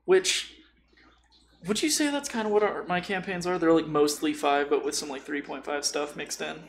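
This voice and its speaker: A podcast host, male, with a somewhat high, creaky voice, chats casually about tabletop gaming at a moderate pace. He jokes around, keeps it informal, and swears mildly now and then. There's slight background noise.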